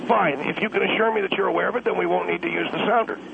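A man talk radio host heard over a crackly cordless phone line, needling his guest in halting, restarting speech. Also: high voice, vocal fry. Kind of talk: on-air radio banter.

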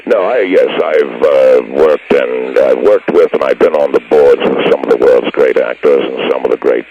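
A man voicing a pompous older former stage actor who speaks formally and haltingly with many uh's, his voice muffled and hollow as if talking into a trash can. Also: rumbling low, warm tone, slight background noise, voice pushed down. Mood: grave, confessional. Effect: muffled, hollow sound as if talking into a trash can.

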